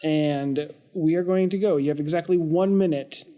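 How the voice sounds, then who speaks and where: A young man with a high, mellow voice co-hosts a podcast. He announces segments with a playful, mock-formal flair. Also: normal speed. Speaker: podcast co-host. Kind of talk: casual chat, hosting segments.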